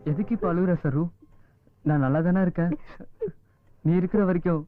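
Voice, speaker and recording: A man's voice: high-pitched, normal speed, close to an everyday voice. An actor in a film scene, playing a young man devoted to an older woman and begging for her love. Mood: pleading. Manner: pleading, devoted. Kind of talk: film dialogue. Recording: phone-like film audio with music.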